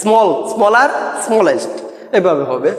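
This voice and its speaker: A man's voice: high voice, lively intonation. A man teaching English grammar, explaining step by step and answering his own questions. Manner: switches between slow English lines and Bengali explanation. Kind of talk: classroom-style grammar lesson. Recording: echoey room with long reverb.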